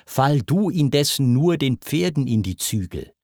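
Proud warrior goddess for a verse epic, read by a man, scornful and sneering, measured pace. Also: medium pitch, sing-song, a little mellow, no room sound, studio quality.

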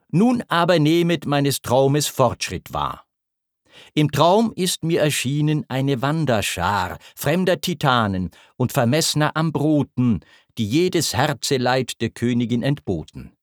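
Haughty goddess queen read by a man, declamatory, unhurried, dry close sound. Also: medium pitch, no echo. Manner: scornful, declamatory verse. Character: proud vengeful goddess queen, female.

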